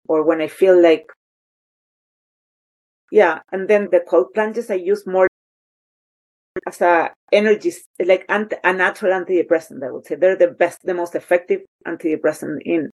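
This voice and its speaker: A Chilean woman with a Chilean Spanish accent chats casually and animatedly as a podcast guest, often restarting sentences while searching for words. Her voice is on the low side, a little mellow and husky, and the audio is poor.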